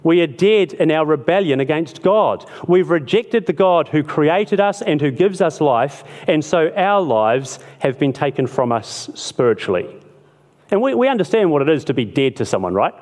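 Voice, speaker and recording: A man preaching a sermon in a relaxed, conversational way, telling a story and acting out short bits of dialogue. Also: a little high, moderate pace. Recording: long hall reverb.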